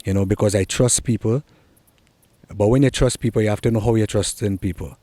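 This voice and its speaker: With a lowish, mellow voice and fairly even intonation, this guest speaks a little fast in a dry recording. He is a middle-aged Trinidadian soca artist from Trinidad and Tobago who answers interview questions earnestly, encouraging listeners and repeating key points.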